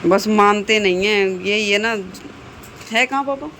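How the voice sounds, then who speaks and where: A woman's voice: medium pitch, a little slow, fairly bright tone. A woman vlogging casually at home, chatting with her viewers and calling them guys as she cooks. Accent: Hindi. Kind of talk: casual home vlog chat. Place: home kitchen. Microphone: phone camera. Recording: noisy home phone recording.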